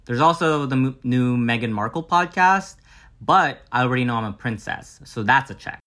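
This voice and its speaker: A man's voice: mid-range voice, expressive, normal speed, bright, forceful tone. A young man hosting a comedic podcast, playful and self-mocking as he tries out bits. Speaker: podcast host. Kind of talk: comedic solo podcast monologue.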